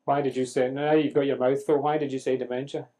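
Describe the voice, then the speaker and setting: A man's voice: medium pitch, flat delivery, fast talker, mellow. A man giving a live medical lecture, quizzing students with dry humour. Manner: conversational, questioning the class, dry humour. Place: lecture room with audience.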